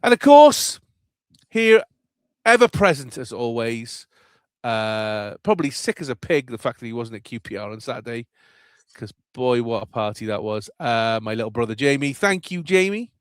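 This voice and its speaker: Chatty podcast host. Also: male voice, mid-range voice, sing-song, normal speed, smooth, no room sound. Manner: chatty, rambling with fillers. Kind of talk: casual football chat.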